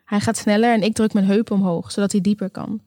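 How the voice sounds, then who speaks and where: A woman narrating a first-person erotic story slowly and sensually, in an intimate, close tone. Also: medium pitch, steady tone, warm tone, no echo. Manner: slow, sensual, intimate delivery.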